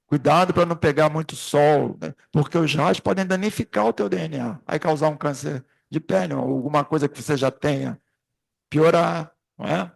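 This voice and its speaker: Man, very gravelly, raspy, class facilitator, rambling anecdotes. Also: on the high side, moderate pace. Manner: rambling, anecdotal, addresses the group directly. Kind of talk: informal spiritist study class. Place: classroom at a spiritist center.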